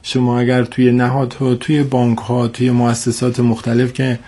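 Congested and stuffy-nosed from a cold, this man appears as an expert guest in a radio interview, speaking formally yet hesitantly and repeating points for emphasis. His medium-pitched voice is dark, slightly rough and monotone.

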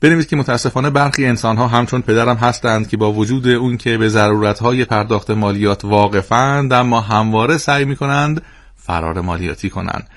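A man's voice: medium pitch, lightly acted. A man reading as a scolding mother.

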